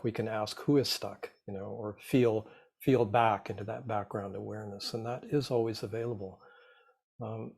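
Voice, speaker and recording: A man who works as a psychotherapist and spiritual teacher, speaking in a measured way in a roundtable, adding careful qualifications. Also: on the low side, gravelly, a little mellow, breathy edge. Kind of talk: roundtable discussion.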